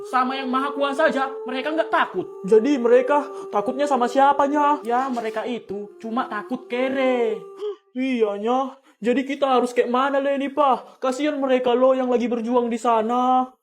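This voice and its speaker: A young adult comedy performer voicing every role in a family skit, switching quickly between bickering characters. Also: high-pitched, steady tone.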